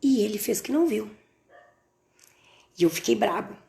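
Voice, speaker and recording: Animated woman, gravelly edge. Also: medium pitch, normal speed. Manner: animated, acts out dialogue with strong emphasis. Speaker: course instructor on a livestream. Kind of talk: live online class, storytelling.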